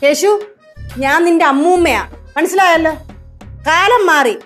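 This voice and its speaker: A sharp-tongued old grandmother. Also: very high-pitched, faint music behind. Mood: scolding. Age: older. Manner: scolding, quick-tongued. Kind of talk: TV sitcom acting.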